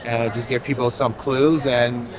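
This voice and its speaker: There's crowd noise around this man, a Haitian artist interviewed casually at an outdoor art fair. He speaks unhurriedly in a level, mid-range voice, wandering loosely and relying on fillers.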